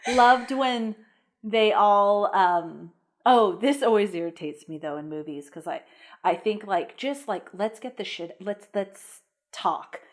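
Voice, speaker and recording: A woman co-hosting a podcast, chatting casually and retelling film scenes in an animated way. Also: medium pitch, slow pace. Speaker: podcast co-host. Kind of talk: casual chat about a horror film.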